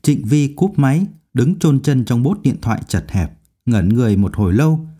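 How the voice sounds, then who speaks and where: A man narrating a novel audiobook in an expressive, measured reading. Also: mid-range voice, husky.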